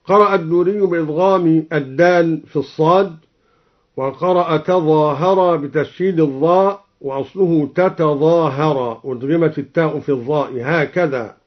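High-pitched guy explaining readings formally, chants the examples slow, dull old radio recording sound. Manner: measured, deliberate delivery, slowing into melodic chant for examples. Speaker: presenter explaining recitation readings.

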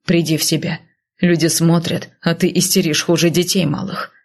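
A woman voicing a stern, protective northern warrior man who speaks in a low, hushed growl. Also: flat delivery, moderate pace.

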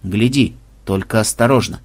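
A man reading an audiobook and voicing a gruff, grumbling man who commands a squad. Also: on the low side, moderate pace, pitched below the performer's own voice, natural voice.

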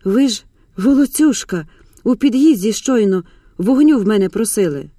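A woman reading the part of a shocked, desperate young woman, with a high, strained, pleading delivery. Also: animated, moderate pace, dark tone, dry recording, studio quality, lightly acted. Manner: pleading, raised and shrill.

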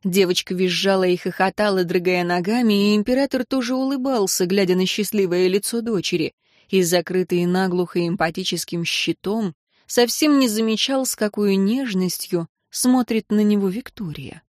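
A woman narrating an audiobook in a measured, even storytelling voice at a middle pitch. The recording is dry and close, with no room sound. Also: dry recording.

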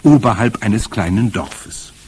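A man reading aloud plays a spirited, determined old grandmother who speaks in a brisk, emphatic and commanding way. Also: lowish voice, animated, background noise. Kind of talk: audiobook character voice.

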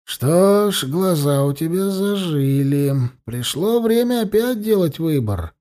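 A stern, icy priest and torturer, voiced by a man, self-righteous to the core. His voice sits slightly raised and crisp in its coldness. He speaks slowly and deliberately, as in an audiobook. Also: high voice, lively intonation, mellow, voice pushed up. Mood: stern, cold. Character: stern, cold-hearted male priest and torturer. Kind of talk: audiobook character voice.

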